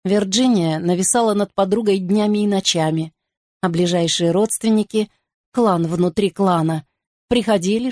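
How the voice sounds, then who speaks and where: Female audiobook narrator, even and calm, dry close sound. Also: medium pitch, no echo. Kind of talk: scripted literary narration.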